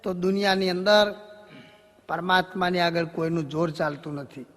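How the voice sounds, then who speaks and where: A man telling devotional folk stories in a preachy, jokey and animated way. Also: high voice, normal speed, in a large hall. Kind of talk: devotional storytelling sermon.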